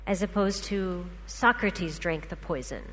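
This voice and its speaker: Speaking a little slowly in a lowish voice, a native Russian-speaking woman gives a research talk to a panel, walking through examples with patience. A faint hum and hall echo are audible.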